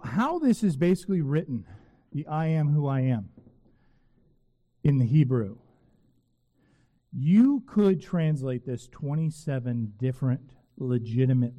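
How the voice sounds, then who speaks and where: A man preaching a sermon in a church sanctuary, earnest and emphatic, slowing down to repeat phrases with weight. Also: mid-range voice, warm tone. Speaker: pastor. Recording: long reverb of a church hall.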